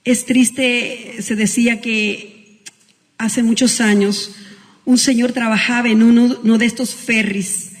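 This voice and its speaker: A woman's voice: fairly high pitch, fairly even intonation, slow pace. Woman pastor, emotional storytelling sermon, many restarts, long reverb of a large hall. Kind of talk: Christmas sermon. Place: school hall used as church.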